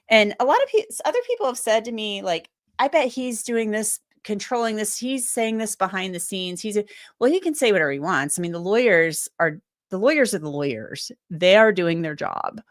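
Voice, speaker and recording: Still getting over a cold, a legal commentator runs a livestream where she reads viewer comments, rambling and restarting her thoughts often, her voice slightly strained. She speaks at a moderate pace with a medium-pitched, sing-song delivery, recorded in clean, echo-free studio sound.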